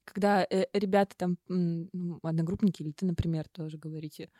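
A woman's voice: fairly low pitch, steady tone, a little fast, mellow, dry recording, studio quality. A woman of twenty-one co-hosting a podcast, telling stories in casual chat with lots of fillers. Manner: chatty storyteller, many fillers. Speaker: podcast co-host.

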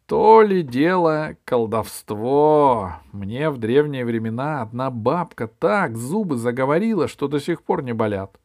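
A man's voice: mid-range voice, animated, measured pace, hardly any pauses, a little mellow, no room sound, clean studio sound, pitched above the performer's own voice. A man reading an audiobook voices a good-natured many-headed dragon who talks in a folksy, chatty way.

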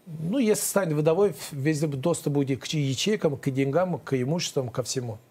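A man's voice: on the high side, a little fast, darkish tone, husky. A man, a former defense lawyer, answering interview questions in an emphatic, rambling, aggrieved way with many restarts.

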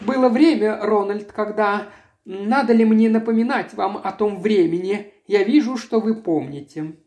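A man's voice: high voice, moderate pace, darkish tone, voice pushed up, lightly acted. A man voicing a haughty, jealous aristocratic woman who mocks and sneers, in an audiobook reading. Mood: mocking. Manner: mocking, sneering.

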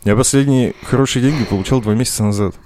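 A man's voice: medium pitch, fast, warm tone, a little hiss or hum. A man co-hosting a casual podcast, blunt and sweary, who mispronounces his r's with a burred or w-like sound. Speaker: podcast co-host. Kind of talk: casual banter.

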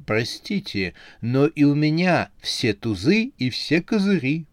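A fussy old witch granny speaks through her nose, as a man puts her on for a storybook. Her pitch sits a bit above a plain reading voice. The sound is dry and near. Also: big pitch swings, measured pace, dry recording. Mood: prim. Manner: prim, nasal. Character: prim old witch granny in pince-nez.

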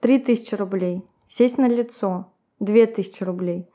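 A woman's voice: medium pitch, normal speed, mellow. A woman co-hosting a podcast, retelling events and commenting with laughs. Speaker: podcast co-host. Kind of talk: podcast storytelling.

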